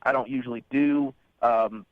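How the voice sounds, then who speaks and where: This radio phone-in caller has a medium-pitched, steady voice at normal speed, with no echo. Over a dull lo-fi telephone line, he casually recounts things earnestly and with slight hesitation.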